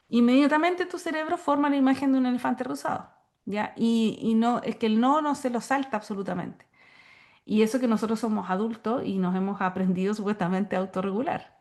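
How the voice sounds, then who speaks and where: A woman giving a recorded lecture to teachers, explaining step by step and checking in with listeners often. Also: a little mellow. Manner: explanatory, checks in with frequent "¿ya?" and "¿cierto?"; acts out quoted lines in a higher voice. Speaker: course instructor. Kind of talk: recorded lecture on child behavior.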